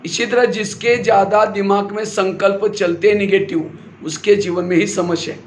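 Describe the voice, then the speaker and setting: A man's voice: high voice, fairly even intonation, normal speed. Man preaching a class in a roomy hall, asks questions then answers them, bit of faint noise. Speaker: spiritual teacher giving a class. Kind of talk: sermon-style spiritual class. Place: hall with a live audience. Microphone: handheld or stand mic.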